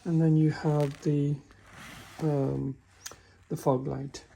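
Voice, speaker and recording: A man walking through a car repair in a halting, casual way, often stumbling and restarting his sentences. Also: fairly high pitch, flat delivery, gravelly, dark tone, slight background noise. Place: workshop with a work table.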